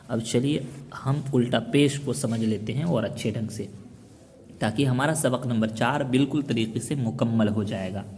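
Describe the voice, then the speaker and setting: A man teaching children to read the Quran, chanting letter sounds slowly and explaining between the drills. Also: mid-range voice, darkish tone, a little hiss or hum. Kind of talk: recitation lesson for children. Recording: long hall reverb.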